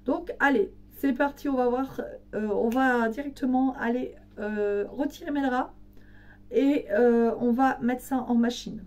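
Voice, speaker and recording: Hoarse, raspy woman with a weakened voice. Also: a little high, a little slow, recorded from a distance, background noise. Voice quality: raspy, partly breathy voice from voice loss. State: hoarse, weak voice recovering from laryngitis. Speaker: home cleaning vlogger. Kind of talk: casual chat to camera.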